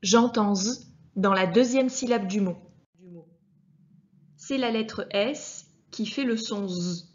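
A woman teacher giving a clear reading lesson to young children, speaking to the child directly and sounding out each letter with care. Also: mid-range voice, lo-fi sound. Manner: patient, addresses the child directly, deliberately articulated sounds. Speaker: primary school teacher.

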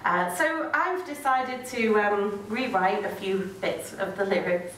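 This young woman, a spoken-word performer, tells a comic story live in a small dark venue, reading dramatically with sarcastic wit and the occasional swear. Her medium-pitched, slightly bright voice moves a little slowly. She's far from the stand mic, and the distant recording carries room echo and a bit of noise.

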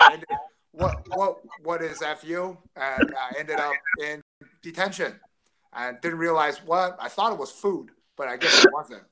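Over a close-up webcam on a video call, a Taiwanese former fighter in his forties rambles through casual interview anecdotes, restarting frequently and filling gaps with fillers. His slightly high voice sounds pushed and bright, with a little hiss or hum, and he's in a home room featuring a framed jersey.

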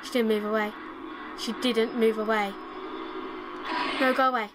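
With music in the background, a young let's play host plays a horror game in her room, her fairly high voice showing little pitch movement at a normal pace. She comments casually but jumps, swears a lot, panics and repeats herself. Her home setup produces a noisy, buzzy recording.

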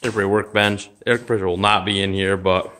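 Phone in hand, a male vlogger tours his garage and the yard outside, talking fast in a casual, rambling way peppered with fillers. His lowish voice sounds bright and forceful, with fairly even intonation.

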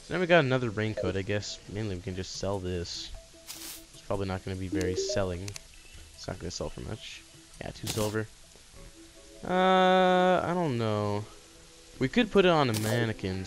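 A man's voice: on the low side, big pitch swings, normal speed. A man hosting a gaming channel, rambling through casual gameplay commentary and often correcting himself mid-sentence. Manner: rambling, chatty, self-correcting. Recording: loud background game music.

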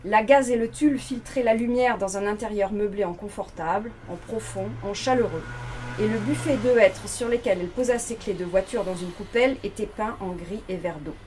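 A woman reading extracts of a novel aloud in a measured way at a bookshop event. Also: medium pitch, a little mellow, a little hiss or hum. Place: bookshop reading before an audience.

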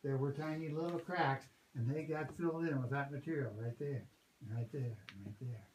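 A man's voice: medium pitch, normal speed. A man working as a park ranger, giving a guided cave tour in a patient, explanatory way. He often checks in with the group. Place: visitor center lobby, then inside a cave. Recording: echoey cave with loud ambient noise.

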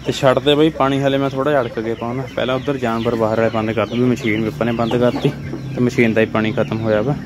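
Talking fast in a level, mid-range voice, a young man with a Punjabi accent from India vlogs from a poultry farm's sheds and yard on his phone. His commentary is casual, and he treats viewers as friends. Clucking chickens and birds keep the background noisy.

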